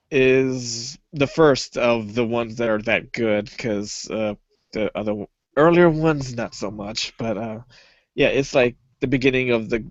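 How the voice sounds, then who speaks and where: A young man co-hosts a podcast, chatting casually in a medium-pitched voice full of fillers, hesitations and rambling. The audio is dull and lo-fi with no room sound.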